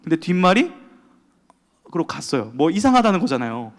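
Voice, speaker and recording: A man's voice: fairly high pitch, very animated, fairly quick. A young man preaching as a youth pastor, playful and talking with the young people in the room, often acting out the voices of people in his stories. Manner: playful, talks with the audience, acts out quoted voices. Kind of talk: sermon. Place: church worship hall. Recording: long hall reverb.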